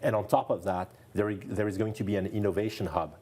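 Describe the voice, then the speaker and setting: A Frenchman speaking English with a French accent, his voice deep and mellow, appears as a guest neurologist in a TV studio interview. He talks fast in a steady tone, earnest and enthusiastic, often repeating a phrase for emphasis.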